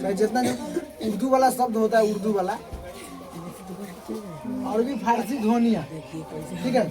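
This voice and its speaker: A man's voice: high voice, low-quality recording. Guy teaching a class, says each sound over and over, keeps asking if u got it. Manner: drills sounds aloud, repeats and checks students. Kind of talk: classroom grammar lesson. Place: classroom with pupils.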